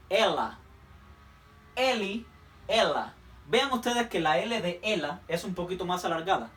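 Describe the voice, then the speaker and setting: A man teaching a language lesson, patiently repeating words slowly for learners. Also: high voice, a bit bright, distant mic. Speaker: Portuguese teacher.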